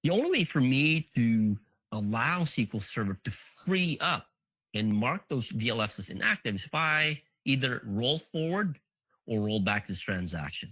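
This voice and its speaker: Male presenter, unscripted demo walkthrough, bright voice, lively pitch, dry close sound. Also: slightly rough, dry recording, low-quality recording. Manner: thinks aloud, counts items on screen, frequent fillers. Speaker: conference presenter. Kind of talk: live technical demo walkthrough.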